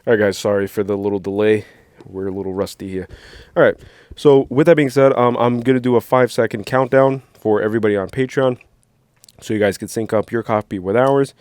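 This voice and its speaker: A man's voice: on the low side, fairly even intonation, a little fast, darkish tone, clean tone, no room sound. A man in his forties hosting a movie reaction, chatting casually and admitting he is nervous. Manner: rambling, nervous, joking about being scared. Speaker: reaction channel host. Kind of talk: casual chat.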